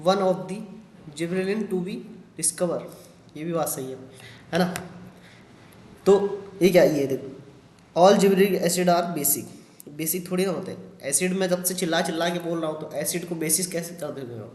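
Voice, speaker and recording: Hindi-speaking man teaching biology, echoey room. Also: a little high. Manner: addresses students as "beta", frequent "thik hai" and "hai na" check-ins. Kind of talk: exam question walkthrough lecture.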